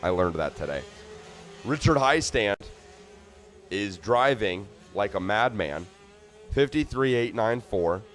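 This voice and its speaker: A man's voice: on the low side, lively intonation, slow pace, long pauses, a bit bright. A man giving live race commentary in a chatty, joking way, rambling into funny asides between lap times.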